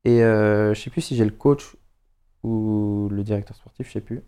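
A young man with a Paris suburbs accent, a footballer chatting as a podcast guest, slangy and animated as he acts out what people said. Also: fairly low pitch, moderate pace, clean tone. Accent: Parisian suburbs French. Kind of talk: casual storytelling chat.

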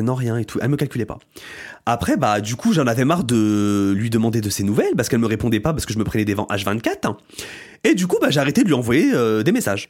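A young male podcast host spins stories in a casual, slang-filled monologue, his mid-range voice animated and at times breaking into loud indignation.

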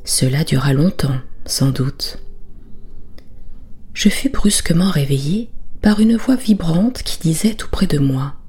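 A woman reading a classic tale aloud as a soft, hushed whispered bedtime story. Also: low-pitched, lively intonation, slow, slightly rough, faint music behind.

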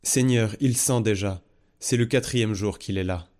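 A man's voice: fairly low pitch, measured pace, darkish tone, close to an everyday voice. A man reading the words of Martha, a grieving faithful woman, in an earnest, plain way.

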